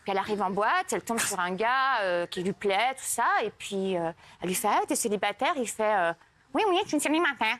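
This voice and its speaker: A woman's voice: medium pitch, fairly quick, few pauses, fairly bright tone. A woman telling jokes on a TV comedy show, hesitating often and giggling at her own stories. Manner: hesitant, many "euh" fillers, giggles. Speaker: joke teller. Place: TV studio.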